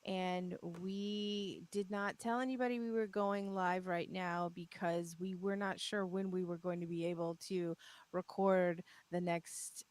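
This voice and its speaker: In a casual live-stream chat, this podcast co-host is upbeat and laughs frequently. She talks unhurriedly in a lowish, level-toned voice, with no echo on the recording.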